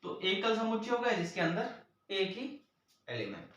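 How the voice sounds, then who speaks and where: A man's voice: high voice, moderate pace, far from the mic, dull audio. A male maths teacher giving a classroom lesson, explaining step by step and often calling on the children. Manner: lively, addresses the children again and again, explains step by step. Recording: very echoey room, voice from off the mic.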